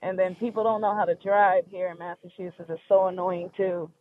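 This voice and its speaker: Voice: mid-range voice, steady tone, a little fast, dry recording. Speaker over a muffled, breaking-up phone call. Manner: open, rambling, swears casually. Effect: heard over a phone call that keeps breaking up. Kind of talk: casual heartfelt chat. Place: driving through a wooded area. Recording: muffled, dull phone line.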